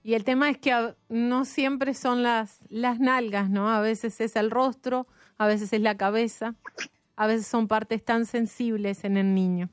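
A woman's voice: a little high, steady tone, a little slow, smooth, dry recording. Dry-sounding woman interviewer. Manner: brief agreeing interjections and comments.

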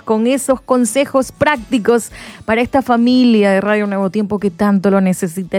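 A woman's voice: mid-range voice, darkish tone. A woman radio host closing a segment and praising her guest effusively.

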